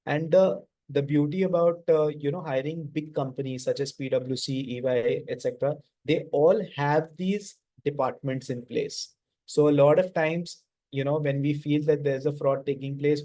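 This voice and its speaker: A man with a North Indian accent lectures in a relaxed, mellow voice that sits slightly high. He talks to his class informally and conversationally, slipping small Hindi interjections into his English as he explains. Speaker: lecturer teaching auditing.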